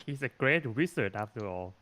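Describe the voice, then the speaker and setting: A man's voice: medium pitch, lively intonation, normal speed, sharp tone. A man chatting casually as a player in a tabletop role-playing game.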